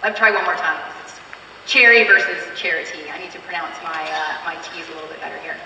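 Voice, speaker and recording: On the stage of a large convention hall, a Canadian-accented woman delivers an upbeat, chatty keynote product demo, full of fillers. She talks fast in a low-leaning voice with a sharp tone. The mic is distant in the echoey hall, adding a little hiss or hum.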